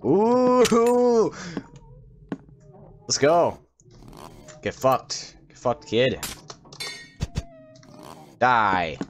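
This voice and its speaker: Man with lively, swooping game commentary. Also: mid-range voice, extremely slow, long pauses, slight background noise. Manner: sweary, slangy, talking to himself and to the game. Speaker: gaming video host.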